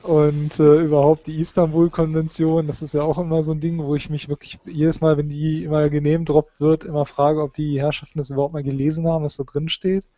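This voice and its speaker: A man co-hosting a talk show, rambling with dry sarcasm and many fillers. His voice is fairly high but very flat and mellow, on a dry, dull, lo-fi recording. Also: fairly quick, hardly any pauses, dry recording. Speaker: podcast co-host. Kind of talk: casual talk show chat. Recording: dull lo-fi sound.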